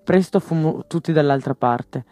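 Male audiobook narrator, slightly high voice, dry close mic, faint music under. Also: moderate pace, no room sound. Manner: steady storytelling, lifts pitch for shouted quotes. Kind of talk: audiobook reading of a novel.

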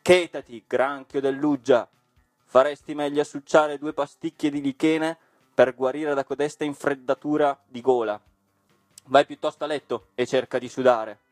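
Man reader doing cheeky puppet boy, high-pitched, taunting, storybook. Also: steady tone, moderate pace, no echo, studio quality, soft background music, natural voice. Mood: rude. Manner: taunting, sharp retorts. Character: cheeky wooden puppet boy, mocking and defiant. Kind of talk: storybook reading.

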